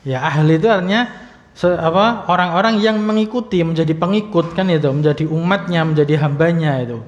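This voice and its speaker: A man's voice: on the high side, fairly quick. A man teaching Arabic grammar in a religious study lesson, explaining patiently with many fillers and light humor. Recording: muffled recording with long hall reverb.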